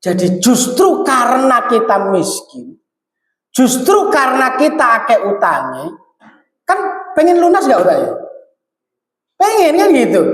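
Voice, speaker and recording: An East Javanese preacher delivers a lively sermon, his voice pitched high and climbing higher as he exhorts. He slips Javanese phrases into his talk. The recording rings with the long echo of a large hall. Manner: animated, swings high when exhorting, mixes Javanese into Indonesian. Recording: echoey hall, long reverb.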